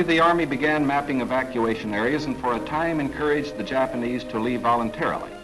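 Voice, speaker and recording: A man giving formal, measured 1940s government newsreel narration. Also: mid-range voice, low-quality recording. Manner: formal, measured, authoritative delivery. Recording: narration over clear background music.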